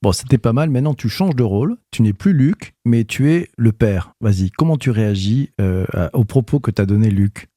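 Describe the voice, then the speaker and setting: An enthusiastic male podcast host chats casually and stops often to search for words. His voice is mellow and rather dark, and the sound is dry and close. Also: medium pitch, moderate pace, hardly any pauses, dry recording. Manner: enthusiastic, lively, hesitant with fillers.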